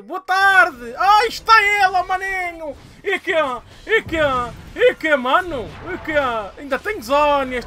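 Excitable high-voiced Portuguese gamer. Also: male voice, a little hiss or hum. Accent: European Portuguese. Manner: excitable, swearing, shouting outbursts. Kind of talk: live gameplay commentary.

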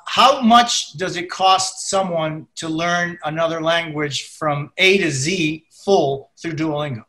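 A male interviewer asking measured, probing questions from a home office over a video call. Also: fairly high pitch, sharp tone. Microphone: video call webcam.

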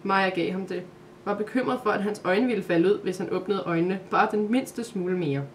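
A woman narrating a Christmas calendar story aloud, in a calm, steady way. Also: mid-range voice, a little hiss or hum.

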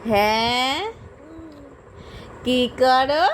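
A young woman at home talking baby talk to her infant, coaxing him with drawn-out, sing-song questions. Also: sits high. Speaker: mother filming her baby. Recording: noisy home phone recording.

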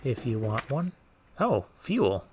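Guy doing chill let's play commentary, talking thru stuff out loud, normal pitch, bit of background noise. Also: sing-song, slow. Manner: thinks aloud, muttering asides. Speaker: gaming let's play host. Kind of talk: casual video game commentary.

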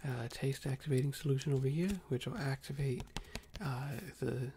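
A man in a whispered role-play as a doctor giving a calm nerve exam, speaking softly and slowly with hesitant fillers. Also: mid-range voice, background noise. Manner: soft-spoken, slow and gentle, with frequent hesitant fillers.

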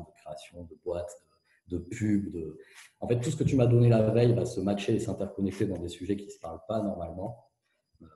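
A man gives a candid interview in a low, very dark voice, talking fast and restarting often. He is heard through a hands-free kit that makes the sound echoey and muffled. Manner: fast, tumbling speech with many hesitations and restarts. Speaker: interview guest.

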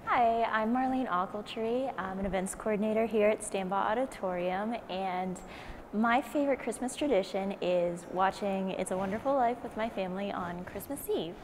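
A young woman, an events coordinator, giving a soft, brief holiday greeting in a large indoor hall on a lapel mic. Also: medium pitch, moderate pace. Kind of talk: casual holiday greeting to camera. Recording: hissy recording.

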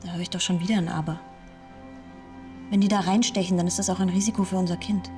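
A woman's voice: lowish voice, fairly even intonation, fast, mellow, faint music behind, lightly acted. A young actress playing a frightened, stubborn pregnant woman in a TV drama. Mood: stubborn, tender. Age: young adult. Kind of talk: TV drama acting.

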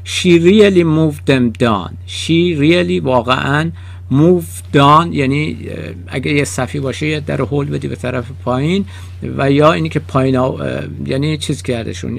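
Gravelly-voiced man teaching song lyrics. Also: medium pitch. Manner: explains slowly, repeats lyrics word by word. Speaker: English teacher. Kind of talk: song-based language lesson.

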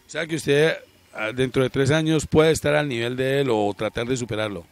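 A man's voice: mid-range voice, steady tone, brisk, smooth. A middle-aged man, a local TV reporter interviewing outdoors with a handheld mic, earnest and moralizing. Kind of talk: TV interview and commentary. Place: outdoors by a sports ground.

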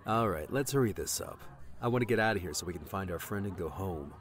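A man's voice: low voice, animated, fast. A man voicing a stern, determined young man with a clipped manner in an audiobook. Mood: urgent. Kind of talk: audiobook character voice.

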